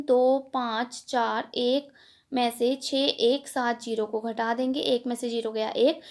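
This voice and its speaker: Woman, teacher, high voice, gravelly, exam revision lesson, explains step by step. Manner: explains step by step, asks and answers own questions.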